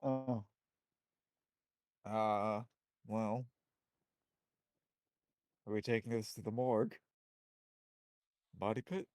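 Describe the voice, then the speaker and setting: A man's voice: on the low side, steady tone, drawn-out words, long pauses, darkish tone, no echo. A man chatting casually as a player in a tabletop role-playing game, with a dry, joking manner. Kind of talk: casual improvised role-play chat.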